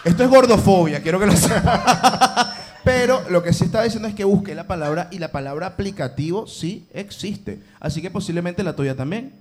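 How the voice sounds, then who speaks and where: Man, co-host, crude teasing banter, fairly high voice. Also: a little fast. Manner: crude joking, teasing, swears freely. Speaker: podcast co-host. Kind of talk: casual banter.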